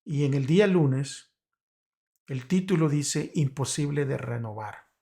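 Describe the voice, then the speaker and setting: Gravelly-voiced man teaching a Bible lesson. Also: mid-range voice, unhurried, mellow. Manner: explanatory, frequent rhetorical "¿verdad?" and hesitant restarts. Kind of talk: Sabbath school lesson review.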